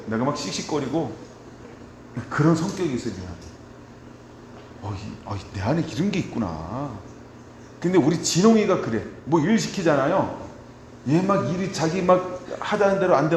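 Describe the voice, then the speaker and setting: A middle-aged male pastor with a fairly high voice delivers a conversational sermon, dropping to quiet confiding asides and then rising to loud, emphatic declarations. He keeps checking in with the congregation with rhetorical questions. The sound is roomy, with a long hall reverb and a faint hiss underneath. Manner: conversational preaching, frequent rhetorical "right?" checks. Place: church sanctuary. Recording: echoey church hall with faint background noise.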